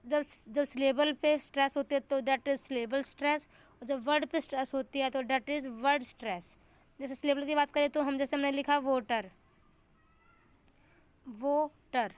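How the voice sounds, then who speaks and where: A woman's voice: high voice, clear, resonant tone, dry recording. A young woman tutoring for an exam in a casual explanatory lesson, often repeating and restarting as she explains and mixing in English terms.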